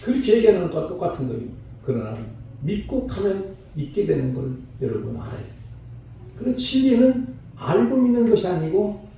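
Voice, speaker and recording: Male pastor, Sunday sermon, rough mellow voice, preached from a distance in a ringing sanctuary. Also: very animated, brisk, muffled recording, a little hiss or hum. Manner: preaching with sudden swings between loud, high calls and low, hushed lines. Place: church sanctuary. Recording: very echoey church hall, mic far off.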